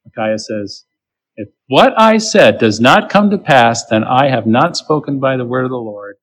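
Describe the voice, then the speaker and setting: A man's voice: medium pitch, expressive, moderate pace, slightly rough, poor audio. A man preaching a sermon, emphatic and acting out the voices of the people he quotes. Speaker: pastor.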